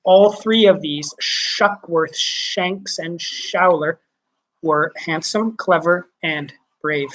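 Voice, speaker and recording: A man's voice: fairly high pitch, takes it slowly, fairly bright tone, low-quality recording. A teacher reading a children's book aloud, stopping for chatty asides that explain words to his students.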